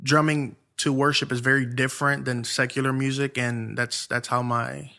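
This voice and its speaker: A young man from Ohio talks as a guest on a podcast. His voice is bright and forceful. He speaks in a relaxed, friendly way and restarts his sentences now and then. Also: mid-range voice, normal speed, gravelly. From Lorain, Ohio. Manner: laid-back and friendly, with restarts. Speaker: church music minister, podcast guest. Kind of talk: casual interview talk.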